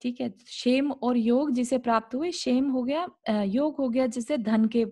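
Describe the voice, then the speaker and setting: A woman's voice: on the high side, moderate pace, mellow. A woman teaching a scripture class over a video call. She reads an old religious text aloud, then explains it in simple words and asks the class rhetorical questions.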